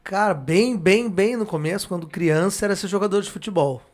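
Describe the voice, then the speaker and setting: A male podcast guest with a fairly high voice for a man. He has a southern Brazilian, Porto Alegre accent. He chats casually and haltingly, circling back to reword things. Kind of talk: casual chat.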